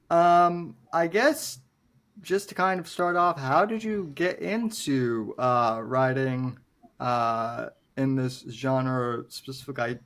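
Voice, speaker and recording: A man's voice: medium pitch, fairly bright tone. A man, hosting a casual podcast interview and speaking with hesitant, thoughtful phrasing. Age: 20s. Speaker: podcast host.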